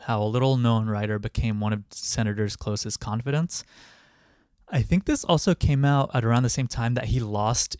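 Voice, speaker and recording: A man's voice: on the low side, a little mellow, no echo, studio quality. A young man co-hosting a podcast, in casual chat, hesitant, with many restarts and fillers. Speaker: podcast co-host.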